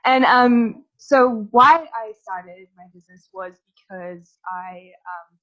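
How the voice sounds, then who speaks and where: A woman's voice: fairly high pitch, slow pace, a bit bright, dull audio. A young woman from New Zealand giving a casual, chatty workshop talk to a live audience, with lots of fillers. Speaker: workshop speaker.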